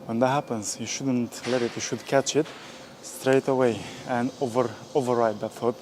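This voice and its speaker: A man's voice: mid-range voice, fairly even intonation, moderate pace, noisy background. A man vlogging his leg workout in a gym, casually explaining his sets and pushing himself on, at times out of breath. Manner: self-motivating, talks between sets. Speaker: fitness vlogger. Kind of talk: casual workout vlog talk.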